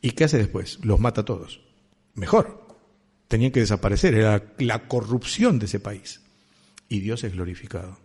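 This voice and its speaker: Husky Rioplatense male preacher, chatty sermon, checks in with the congregation. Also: fairly low pitch, normal speed, a little mellow. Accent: Rioplatense Spanish. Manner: conversational, asks the congregation questions.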